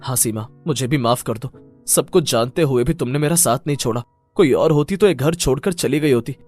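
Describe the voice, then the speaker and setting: An earnest young businessman husband from an animated family story, as a man voices him. His voice is mid-pitched and plain, a little distant from the mic, with soft music underneath. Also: brisk, close to an everyday voice. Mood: remorseful.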